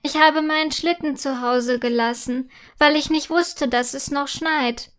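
A woman reading a children's story voices Stella, a cheerful young girl, in a high girlish tone. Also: fairly even intonation, measured pace, fairly bright tone. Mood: sad. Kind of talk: storybook character voice.

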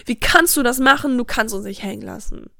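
A woman voicing a panicked female boss who yells at an employee in a loud, frantic, accusing way. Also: a little high, fairly quick, vocal fry, dry recording, studio quality.

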